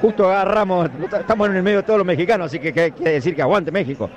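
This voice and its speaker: A man with a Rioplatense accent giving an excited live street report outdoors, cueing listeners as he goes. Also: high voice, racing, dull audio. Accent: Rioplatense Spanish. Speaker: field reporter. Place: outdoors among a crowd of fans. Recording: crowd noise behind.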